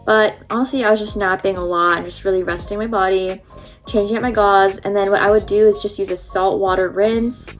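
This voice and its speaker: A young woman talks in a casual, chatty vlog style after having her wisdom teeth out. Her slightly numb mouth gives her a light lisp, and her voice sits at an average pitch. Faint music plays behind her. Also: fairly even intonation, fairly quick. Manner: chatty, informal, frequent "like".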